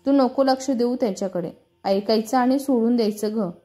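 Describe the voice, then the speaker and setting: A kind young woman friend offers calm, friendly advice, as a woman narrator voices her. Her tone is mellow and fairly high, with faint music playing beneath. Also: moderate pace, lightly acted. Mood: soothing.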